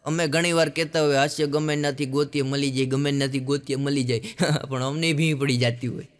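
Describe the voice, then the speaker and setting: A man's voice: medium pitch, fairly even intonation, fairly quick. A man telling jokes on stage as a stand-up comedian, acting out the lines of the people in his stories in raised voices. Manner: acts out characters' quoted lines in raised voices.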